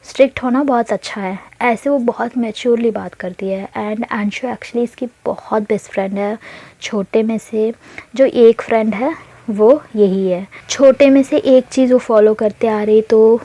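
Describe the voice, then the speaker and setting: A woman's voice: a little high, fairly even intonation, a little slow, dark tone, no room sound. A woman casually telling a serialized story, chatting and explaining the characters' motives. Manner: chatty, mixes English words, explains motives.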